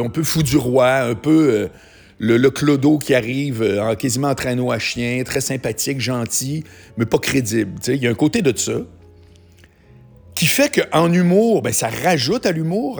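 A Québécois comedian talks loosely and conversationally, full of little asides and fillers. His man's voice has a gravelly edge and a husky, not-quite-clear tone, with a trace of music faint in the background. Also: mid-range voice, darkish tone. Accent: Québécois French. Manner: chatty, with many fillers and asides. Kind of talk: casual conversational monologue.

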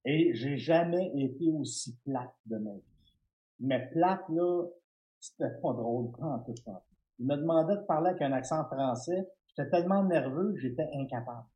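A man with a Québécois accent telling an animated, self-mocking story full of fillers and restarts. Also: on the high side, moderate pace, highs cut off. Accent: Québécois French. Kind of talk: casual storytelling.

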